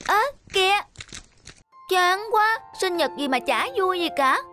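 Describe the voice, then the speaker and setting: A high-pitched little cartoon girl. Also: expressive, a little slow, sharp tone, heavily acted. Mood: sulky. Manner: childlike, emotional. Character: young girl, spoiled but loving daughter. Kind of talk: cartoon voice acting. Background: music.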